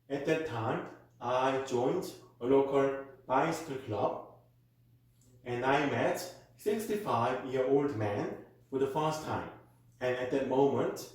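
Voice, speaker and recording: A man's voice: mid-range voice, darkish tone. Korean-accented male tutor in an echoey room. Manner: slow, careful delivery for learners. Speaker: IELTS speaking tutor. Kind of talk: reading model exam answers aloud.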